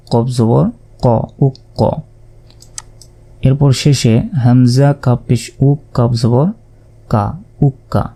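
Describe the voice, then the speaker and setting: A man teaching Quran reading, spelling out letters and vowel marks one by one and repeating syllables in a calm lesson. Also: medium pitch. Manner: calm, repetitive syllable drilling.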